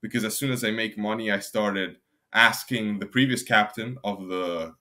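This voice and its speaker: A man's voice: lowish voice, fairly even intonation, moderate pace, pushed and bright. A young man from Albania, answering interview questions in a rambling, casual way with frequent restarts. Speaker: guest.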